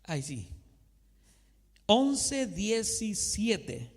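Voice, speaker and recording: This male pastor preaches in a church with a high voice, wide swings in pitch, and long, stretched-out words. He asks the congregation questions and then supplies the answers, also staging conversations between God and a believer. Long hall reverb fills the recording.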